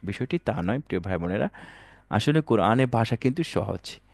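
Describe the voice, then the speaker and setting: A man's voice: on the low side, lively intonation, fairly quick, vocal fry, darkish tone, no echo. A man teaching an online Quran reading lesson, addressing viewers as dear brothers and sisters, mixing English words into his speech and calling out letters for them to repeat.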